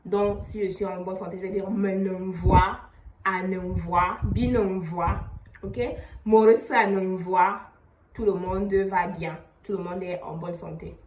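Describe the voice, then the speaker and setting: A woman giving a casual spoken language lesson, explaining patiently, saying example phrases slowly and letting her sentences trail off quietly. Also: on the low side, fairly even intonation, a little hiss or hum. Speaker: language teacher. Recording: roomy echo, voice a bit far from the mic.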